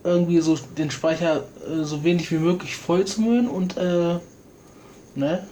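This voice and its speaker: Higher-voiced man, faint background noise. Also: steady tone, normal speed, dark tone. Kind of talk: casual conversation.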